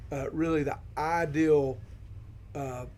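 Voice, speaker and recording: A man on a ministry team who guides a podcast discussion, affirming his partner and posing questions in a steady manner. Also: on the high side, takes it slowly. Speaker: discipleship ministry team member leading the discussion.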